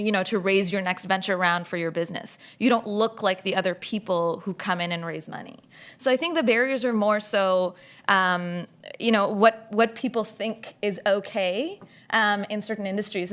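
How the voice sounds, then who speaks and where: Young woman from saudi arabia on a panel, lively, acts out what people said, table mic. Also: medium pitch. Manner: animated, gesturing, quotes others in lively voices. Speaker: panelist, startup founder. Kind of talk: panel discussion. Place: stage at a panel event, indoors. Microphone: table mic on a stand.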